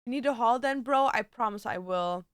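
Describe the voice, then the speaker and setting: A woman livestreams from an indoor home setup, chatting casually and answering viewers in a slangy, blunt, playfully sweary way. Her voice is fairly high and smooth at a moderate pace, with studio-quality sound and no echo.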